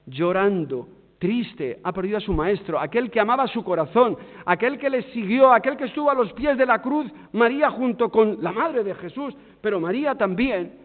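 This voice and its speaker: A man with an accent from Spain preaches a sermon, his voice high and full of rises and falls. He pushes some words hard and drops others to a near hush. The sound is thin like a phone line, with long reverb from a large hall. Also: normal speed. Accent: Spain Spanish. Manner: expressive, swings between loud emphasis and hushed tones.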